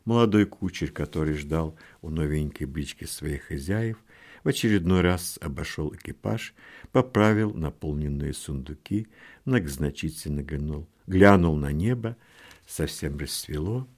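A man narrating an audiobook in a steady, measured reading. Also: rumbling low. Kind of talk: scripted narration.

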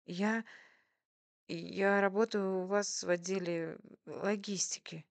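A woman's voice: fairly high pitch, expressive, moderate pace, no room sound, voice pushed up, lightly acted. A woman voicing a nervous young waitress who stammers and hesitates. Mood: flustered.

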